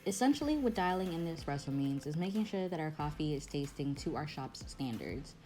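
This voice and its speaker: A woman's voice: low-pitched, very animated, brisk, warm tone, faint music behind. A young woman narrating a casual vlog as a barista, chatty and slangy, often joking about herself. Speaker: barista vlogger.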